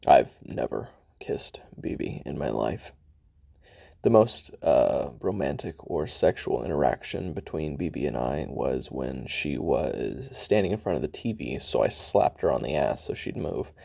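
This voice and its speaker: A man in an audio roleplay confides a halting taped memoir as a weary, bitter, regretful assassin looking back on his youth. His exaggerated voice is sing-song and warm in tone, though very deep, gravelly, husky and often breathy, slipping toward whispers. It comes across wry and reflective.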